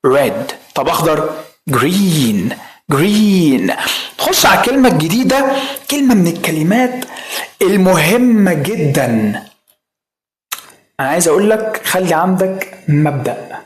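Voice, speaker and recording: A man's voice: on the high side, expressive, measured pace, pauses often. A man with an Egyptian Arabic accent teaching an online English lesson. He repeats each word many times and coaxes the learner with teasing asides.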